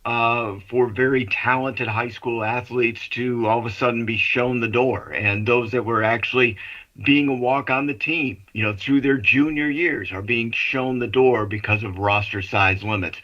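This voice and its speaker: Muffled bright-voiced man, sounding through a wall. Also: medium pitch, steady tone, normal speed. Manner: explanatory, chatty. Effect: muffled, as if heard through a wall. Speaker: sports commentator. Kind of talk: call-in radio sports talk. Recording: muffled remote line.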